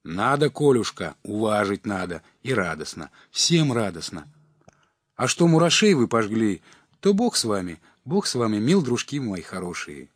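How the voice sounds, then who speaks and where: Casting: man voicing a sugary, mocking bald older man, singsong, low and dry. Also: moderate pace, no room sound. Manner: singsong, cloying flattery. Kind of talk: audiobook character reading.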